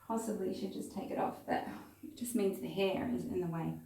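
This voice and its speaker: A woman's voice: mid-range voice, brisk, recorded from a distance. Chatty New Zealand woman in echoey room. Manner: chatty, relaxed, talks while working. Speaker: makeup tutorial host. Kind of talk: casual step-by-step tutorial narration. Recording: roomy echo, voice off-mic.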